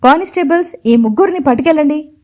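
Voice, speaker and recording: A woman's voice: sits high, expressive, fast, darkish tone, voice pushed up. A woman voicing a corrupt male police officer who barks orders brusquely. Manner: brusque, commanding. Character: male police sub-inspector, rough and corrupt.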